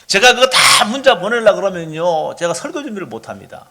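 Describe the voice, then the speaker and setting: A middle-aged male pastor preaching a sermon, animated, often asking the congregation rhetorical questions. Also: high-pitched, a little fast.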